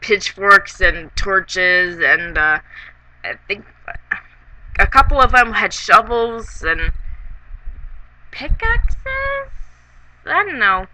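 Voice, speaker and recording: Slow, tipsy, rambling reviewer with a bright voice, sex ambiguous. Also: mid-range voice, slight background noise, rough recording. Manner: tipsy, rambling and halting, trailing off. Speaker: comedic reviewer. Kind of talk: casual comedic movie recap to camera.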